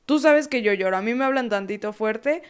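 A woman's voice: on the high side, a little fast, slight background noise. A young woman with a Mexican accent, co-hosting a podcast in casual chat and laughing often as she talks. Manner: giggly, laughs often while talking. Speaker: podcast co-host.

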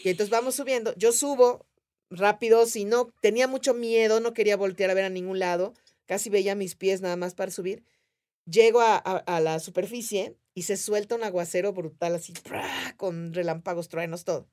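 A woman's voice: medium pitch, fairly quick. A woman with a Mexican accent telling a story in casual conversation, acting out the voices of the people in it. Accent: Mexican Spanish. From Mérida, Mexico. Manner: animated, acts out voices of others in her story. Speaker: podcast guest.

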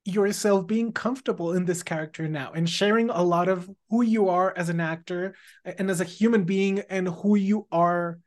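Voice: medium pitch, steady tone, moderate pace. An interviewer asking questions and affirming the guest with encouraging remarks. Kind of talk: conversational interview.

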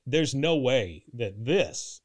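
A man in his fifties hosts a relaxed podcast chat at a middling pitch. He rambles, stops and restarts his sentences as he works toward a question. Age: 50s. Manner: rambling, halting, many restarts. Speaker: podcast host.

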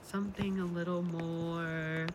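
A woman on a dinner date speaking scripted romantic lines, teasing and quick to laugh. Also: on the low side, level tone, noisy background.

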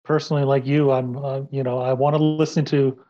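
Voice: medium pitch, little pitch movement, brisk, warm tone. A co-host from Denmark asking eager, curious questions in casual chat. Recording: dull lo-fi audio.

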